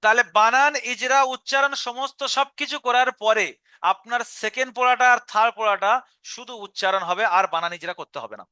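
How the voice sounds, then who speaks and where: Male teacher on a live stream, patient instructor, smooth clear tone, dry close mic. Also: very high voice, a little fast, bright, forceful tone, dry recording. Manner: patient, step-by-step explaining, repeats syllables aloud. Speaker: Quran reading teacher. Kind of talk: live online class instruction.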